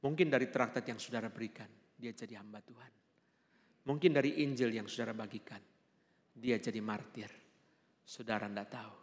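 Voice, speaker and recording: A male pastor preaching a Sunday sermon, animated and leading the congregation in recitation. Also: medium pitch, a little fast, pauses often. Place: church hall. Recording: long hall reverb.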